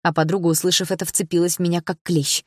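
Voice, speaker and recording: A woman with a lowish voice reads a first-person audiobook at a steady, even pace. She is recorded close to the mic in a dry, dead room with no echo. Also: fast. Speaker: audiobook narrator.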